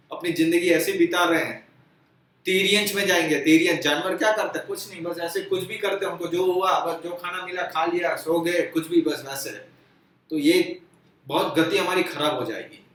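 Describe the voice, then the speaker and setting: A man's voice: high-pitched, fairly even intonation, normal speed, fairly bright tone. A man giving a spiritual lecture and explaining ideas through everyday stories, often mixing in English words. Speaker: religious teacher. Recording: very echoey room, mic far off.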